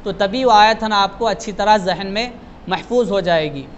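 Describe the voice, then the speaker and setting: A man with a high voice teaches Quran recitation in a patient classroom manner, often tagging his sentences with a question. He models each phrase slowly for his students. The recording sounds dull and lo-fi, with a faint hiss behind him. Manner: explains patiently, often adds "hai na", slows down to model recitation line by line.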